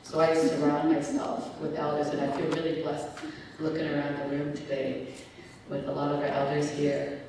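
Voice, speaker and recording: A woman's voice: low-pitched, completely flat delivery, moderate pace. An earnest woman from the Squamish Nation shares a personal story as a guest speaker. Her heartfelt voice rings through a large, reverberant hall. She is picked up from a distance, with a faint hum of ambience behind her. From Squamish Nation, Canada. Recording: echoey hall recording from far off.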